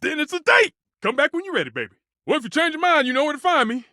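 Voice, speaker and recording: A male actor playing a passionate, dramatic, flirtatious living stove who works as a chef, with a theatrical, expressive delivery in a dating video game. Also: very high-pitched, fast talker, no echo, clean studio sound, full character voice. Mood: flirtatious, eager. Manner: theatrical, expressive, swinging between exclaiming and murmuring. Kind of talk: voiced dating video game character lines.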